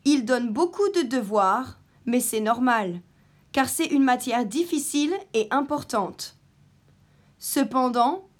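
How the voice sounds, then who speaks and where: Slow, careful woman reading aloud. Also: on the high side. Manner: careful, evenly paced delivery in short phrases. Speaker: reader of a model text for learners.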